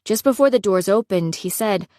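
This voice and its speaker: A woman reading a first-person romance audiobook in a steady storytelling manner. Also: mid-range voice, normal speed, dry recording, studio quality. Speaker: audiobook narrator.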